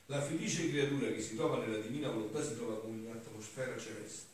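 Friar giving a homily, recorded from afar in a very echoey church, faint hiss behind. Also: male voice, mid-range voice, steady tone, fast, far from the mic. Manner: earnest, swings between soft musing asides and raised emphatic declarations. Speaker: friar preacher.

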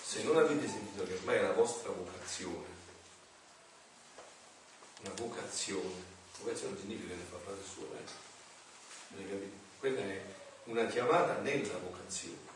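A man, a friar, teaching a community in an animated way, reading passages aloud and joking with his listeners. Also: low voice, moderate pace, pauses often, slight background noise. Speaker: friar preacher. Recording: echoey room recorded from far off.

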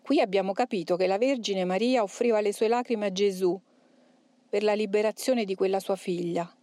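Woman narrator, measured and solemn first-person reading, dry close sound. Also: mid-range voice, fairly even intonation, dark tone, no echo.

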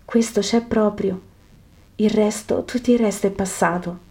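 A poor man just healed speaks in a hushed, halting, earnest way, humble and devoted, read by a woman. The voice is mellow and soft, with slow pauses. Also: mid-range voice, steady tone, lightly acted. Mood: humble, moved. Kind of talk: scripted reading of a religious narrative.

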